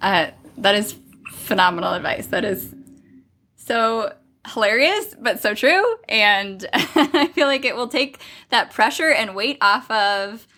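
A woman's voice: a little high, sing-song, slow, sharp tone. A woman hosting a podcast, asking thoughtful questions in a chatty, affirming way. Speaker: podcast host. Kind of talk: interview questions, casual chat.

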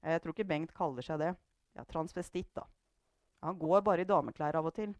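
A woman's voice: sits low, darkish tone, dry recording, lightly acted. A woman doing a sarcastic old grandmother. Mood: shouting. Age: older. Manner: sarcastic, declaiming. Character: sharp-tongued elderly grandmother, sarcastic and provocative.

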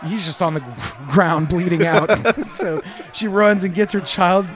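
A man's voice: high-pitched, a little slow. A man running a tabletop game as game master, telling the scene loosely with fillers and frequent laughter.

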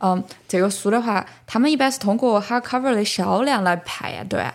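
A woman's voice: mid-range voice, moderate pace. A woman with a Sichuanese accent hosting a podcast in a casual, explanatory way, talking about books and dropping in English words. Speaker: podcast host. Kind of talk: casual book talk.

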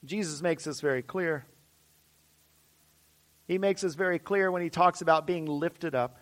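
Slow, fervent high-voiced male preacher. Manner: dramatic swings from loud declarations to hushed near-whispers; fervent, repetitive emphatic phrasing. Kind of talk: sermon.

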